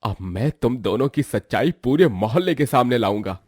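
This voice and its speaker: A man's voice: mid-range voice, lively intonation, normal speed, a little mellow, breathy edge, dry recording, studio quality. A man voicing an earnest young hero. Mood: protective. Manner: firm and earnest. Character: brave young man in his twenties.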